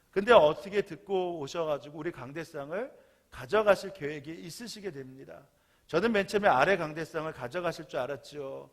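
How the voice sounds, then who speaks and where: A male pastor delivers a Sunday sermon in a church sanctuary. His voice sits fairly high for a man, and he preaches in a relaxed, conversational, storytelling manner.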